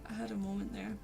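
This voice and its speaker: A woman's voice: medium pitch, vocal fry, rough recording. A young woman chatting casually with her viewers as she paints on a livestream, laughing often and talking to herself. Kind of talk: casual chat while painting.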